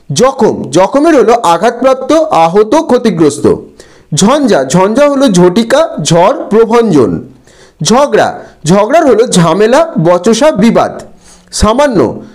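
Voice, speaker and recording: A man explains textbook answers to students. His delivery is slow and deliberate, spelling out words syllable by syllable, and his pitch moves in a lively way. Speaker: teacher.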